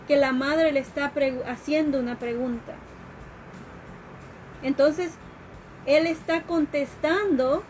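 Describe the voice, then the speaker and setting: A woman educator giving an informal live-streamed talk, explaining slowly and carefully, with fillers and restarts. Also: high-pitched, a little mellow, low-quality recording. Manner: explanatory, with fillers and restarts, acts out quoted questions.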